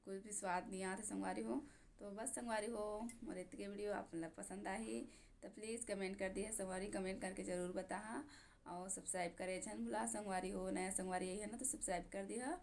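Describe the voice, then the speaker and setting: A hoarse young woman with a Chhattisgarhi accent talks casually to her viewers in a vlog. Her voice is rough and gravelly with a mid-height pitch. A faint noise hangs behind her. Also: fairly even intonation, a little fast. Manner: chatty, warm greetings to friends. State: hoarse, sore throat. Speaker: vlogger.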